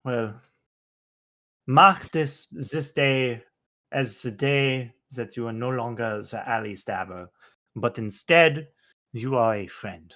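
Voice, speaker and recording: A man playing a tabletop role-play game, speaking in character in an earnest, gentle, formal way. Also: mid-range voice, slow pace. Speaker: player.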